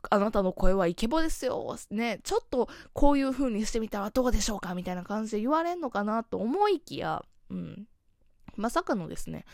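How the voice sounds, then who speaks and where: A woman's voice: medium pitch, no room sound, studio quality. A young woman with a Kansai accent hosting her own talk show, chatting casually and mocking herself with frequent laughs. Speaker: radio talk host.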